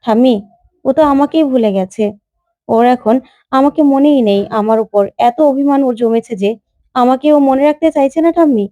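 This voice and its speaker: A woman's voice: sits high, normal speed, dark tone, dry recording, muffled recording, close to an everyday voice. A woman voicing a heartbroken young wife who speaks in a sorrowful, hurt way.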